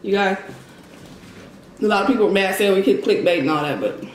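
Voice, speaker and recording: A woman's voice: medium pitch, animated, fairly quick. A woman in her thirties talking casually while eating a meal. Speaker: co-host of mukbang video. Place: indoor room at a table, eating. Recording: echoey room, faint noise.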